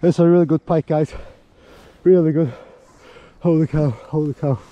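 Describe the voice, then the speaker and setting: An excitable man narrating his ice fishing out on a frozen lake, out of breath and talking straight to his viewers. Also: fairly high pitch, moderate pace, dull audio. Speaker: fishing vlogger. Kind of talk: excited live commentary while ice fishing.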